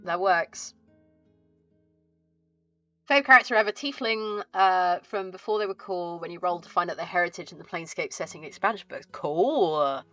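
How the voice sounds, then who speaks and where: A woman's voice: fairly low pitch, moderate pace, fairly bright tone, no room sound, dull audio, soft background music. A woman with a southern English accent chatting casually as a livestream host, chirpy and friendly in a cute streamer manner.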